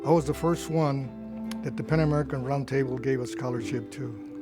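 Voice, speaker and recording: A man's voice: medium pitch, a little fast. An older man, a former scholarship recipient, speaking gratefully in an interview, often repeating words as he goes. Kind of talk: interview testimonial. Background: music.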